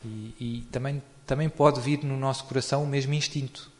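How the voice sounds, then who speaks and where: A man with a European Portuguese accent, speaking briskly in a mid-range, darkish voice with fairly even intonation, gives an informal spiritual talk. This religious speaker chats conversationally, uses tag questions often, and frequently chuckles while explaining.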